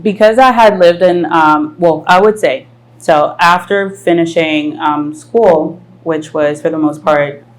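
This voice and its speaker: Before a live audience at an event venue, a French woman in her thirties hosts a casual podcast conversation. Her low voice carries a reflective, searching quality, and she pauses often on fillers while she thinks.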